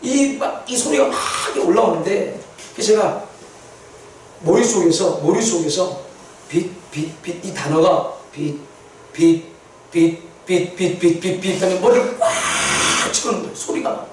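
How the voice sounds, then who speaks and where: A man preaching a sermon testimony, telling his story with animated repetition for emphasis. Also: high-pitched, moderate pace, a little hiss or hum. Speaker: pastor. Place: church sanctuary. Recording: echoey church hall from far off.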